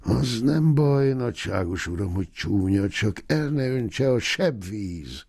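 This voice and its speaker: A man's voice: fairly low pitch, expressive, a little mellow, breathy edge, dry recording, studio quality, voice pushed up. A man voicing a frail seventy-year-old ox driver who speaks humbly and in a murmur. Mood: pleading. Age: 70s figure.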